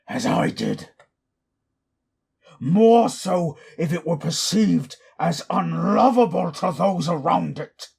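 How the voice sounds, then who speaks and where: A man playing Frankenstein's bitter, anguished monster in a dramatic audio monologue, with a raspy, gravelly voice and theatrical, archaic, deliberate delivery. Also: sits high, exaggerated voice. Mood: anguished, angry. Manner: slow, deliberate, theatrical, archaic formal diction. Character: Frankenstein's monster, bitter, anguished, wrathful abandoned male creation.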